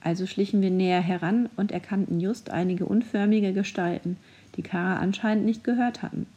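A woman narrating a children's story aloud with a clear storytelling delivery. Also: medium pitch, steady tone, a little fast, dark tone, muffled recording.

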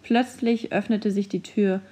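A woman narrating a children's story aloud with a clear storytelling delivery. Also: medium pitch, fairly even intonation, a little slow, warm tone.

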